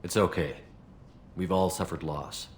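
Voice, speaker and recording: An actor playing a determined, reassuring investigator in a game, clipped and matter-of-fact. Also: male voice, sits low, steady tone, a little slow, slight background noise. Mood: calm, determined. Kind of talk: game voice acting, dialogue.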